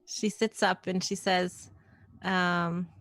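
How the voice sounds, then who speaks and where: A woman's voice: fairly low pitch, flat delivery, takes it slowly, fairly bright tone, dry recording. A woman talking casually as a player in an online tabletop role-play game, politely explaining the rules.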